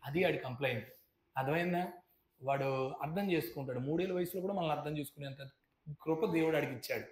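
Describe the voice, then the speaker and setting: A man in his thirties, a pastor, giving a fervent testimony sermon to a seated congregation over a stage microphone, calling out praise and addressing his listeners directly. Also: mid-range voice. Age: 30s. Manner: fervent, emotional, cries out praise. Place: church hall with a seated congregation. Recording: echoey church hall.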